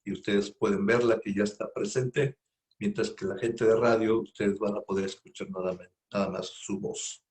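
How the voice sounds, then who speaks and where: A man's voice: fairly low pitch, fairly even intonation, normal speed, a little mellow. A man hosting a radio interview, giving a loose, rambling introduction full of fillers and repetitions. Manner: rambling, repeats himself, filler words. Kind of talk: spoken radio introduction, informal. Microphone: studio microphone.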